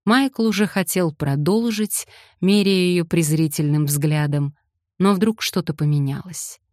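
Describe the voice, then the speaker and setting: An audiobook narrator reads scripted text in a low, slow, slightly mellow woman's voice. The studio sound is clean with no echo.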